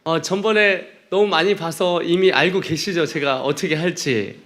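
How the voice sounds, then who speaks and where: A man's voice: fairly high pitch, moderate pace, a bit bright. A male missionary preacher from Chungcheong who speaks with a Gyeongsang dialect and delivers a humorous testimony sermon in a joking, playful way. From Chungcheong, South Korea.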